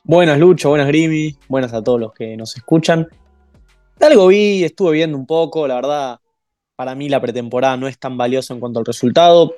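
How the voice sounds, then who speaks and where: Relaxed man with a dry, close sound. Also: mid-range voice, brisk, no echo, faint music behind. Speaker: podcast co-host. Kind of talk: casual sports analysis.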